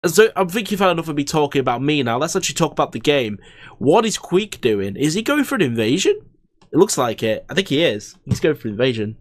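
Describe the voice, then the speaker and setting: A man's voice: a little high, big pitch swings, quick pace, dry recording. A young man giving rambling, casual commentary on a strategy game he is playing, talking close to a desk microphone with lots of fillers and restarts. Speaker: gaming YouTuber. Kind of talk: casual let's-play commentary. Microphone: desk microphone in front of him.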